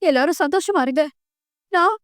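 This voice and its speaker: A bitter young bride, her voice pitched up high and tight as she pushes away her family, as a woman narrator puts her on. The storybook scene is close and dry, with no room around it, and her delivery is quick and strained, close to tears. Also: a bit bright, dry recording. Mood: bitter anger. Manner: pleading then angry, breaking voice.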